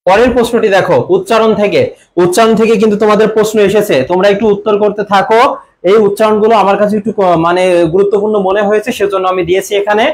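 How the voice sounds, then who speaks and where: A young man with a Bangladeshi Bengali accent teaches a live online admission exam-prep class, quizzing students with repeated questions, answering them himself, and reading out commenters' names. His voice is high-pitched and flat, and he races along. There's a little hiss or hum.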